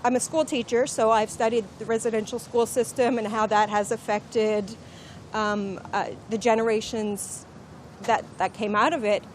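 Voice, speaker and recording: A woman's voice: a little high, fairly even intonation, normal speed, a little hiss or hum. A woman who is a school teacher giving a thoughtful, articulate street-interview answer. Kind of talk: street vox pop answer.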